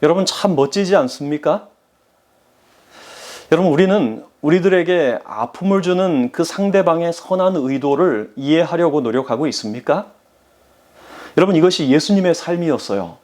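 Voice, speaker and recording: A man's voice: on the high side, animated, normal speed, darkish tone. A man giving a sermon as pastor, earnestly addressing the congregation.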